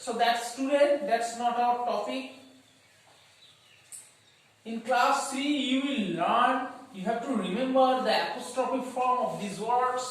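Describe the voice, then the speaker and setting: A woman with a Bengali accent teaching an English grammar lesson, switching between Bengali and English, slowing down to stretch each English example word and asking whether the class has understood. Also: a little high, slight background noise. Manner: asks checking questions like "okay?" and "is that clear?". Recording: echoey room, voice far from the mic.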